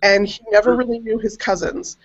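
This middle-aged American woman, a panelist on a genealogy web show, casually recounts a personal family story during a webcam video call. Slightly high and fairly even in intonation, her voice moves fairly quickly, and the recording has the dull, compressed quality of internet call audio.

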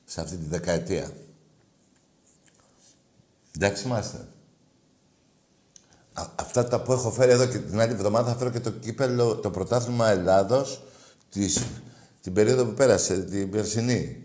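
A man hosting a call-in show, taunting rival fans with loud, crude, mocking banter. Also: on the low side, long pauses, echoey room. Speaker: radio show host taking calls.

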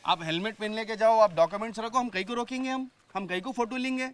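Hyderabadi man, comedy sketch traffic cop; bright, smooth, lecturing tone. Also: high-pitched, quick pace. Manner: stern, lecturing.

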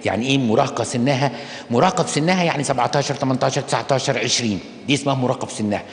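A man with an Egyptian Arabic accent, a priest answering questions in a lively, animated pastoral talk. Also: medium pitch, racing, echoey room, long reverb tail. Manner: lively, animated, acts out askers' words.

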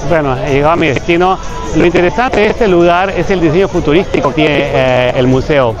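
Outdoors on busy city streets, a male travel vlogger narrates a walking tour, chatting with viewers, calling them "gente" and repeating phrases. His voice is fairly high and a little fast, and the dull audio carries street crowd noise and music behind him.

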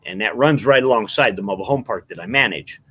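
Lively-voiced man telling animated stories. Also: on the low side, quick pace, breathy edge. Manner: storytelling, animated, acts out quotes. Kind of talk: casual chat.

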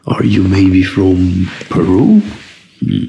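A man in his thirties talks through a casual travel vlog in a low, gravelly voice, taking his time. He is relaxed and chatty, throwing in wry asides about himself. A faint hum of room and street sound sits under the handheld camera mic. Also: slow. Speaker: travel vlogger. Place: indoors in a hostel, then outdoors in snowy streets and on a bus.

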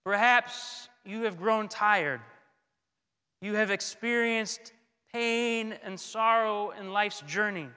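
A male priest in his thirties delivers a sermon into a gooseneck pulpit microphone inside a large church, his high voice bright and clean. The measured, scripted delivery is solemn and deliberate, broken by frequent pauses. Long church reverb trails his words.

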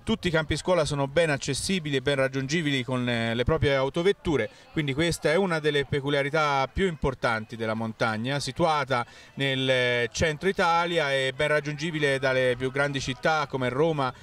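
A man's voice: medium pitch, fairly quick, hardly any pauses, a bit bright, distant mic. A middle-aged man talking up a mountain in a promotional way during an outdoor interview on a snowy slope. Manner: promotional, listing freely.

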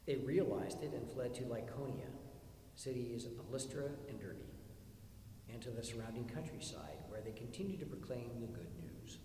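A man leading Mass as a priest, reciting prayers and readings in a measured, solemn way. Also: medium pitch, animated, mellow, slight background noise. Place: church. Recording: echoey church from a distance.

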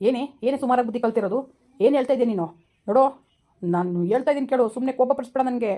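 A menacing young village husband, played by a woman, snarls threats and insults at breakneck speed. The voice sits a little high but mellow and dark in color, and it stays within the acting of a village comedy skit. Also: racing, natural voice. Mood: threatening.

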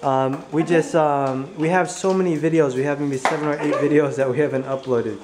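A young man filming a casual home vlog on a handheld camera, talking in a relaxed, rambling way with lots of ums. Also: a little high, fairly quick, background noise. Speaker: vlog co-host. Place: small tiled home kitchen. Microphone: handheld compact camera. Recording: echoey tiled kitchen.

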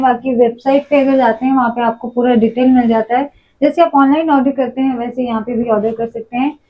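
High-voiced woman presenting a shop. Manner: explains to viewers, drawn-out fillers. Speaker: host presenting a wholesale shop. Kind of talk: promotional video talk. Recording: dull lo-fi sound.

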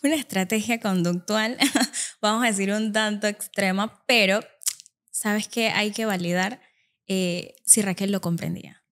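A woman speech therapist guest, explaining methods in a calm, methodical way. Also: mid-range voice, measured pace. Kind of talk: explanatory podcast conversation.

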